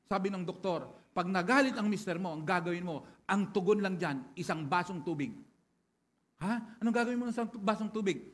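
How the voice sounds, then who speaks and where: A man preaching a sermon to his congregation, chatting casually at first, then building to louder, lively preaching. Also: high-pitched, a little fast. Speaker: pastor.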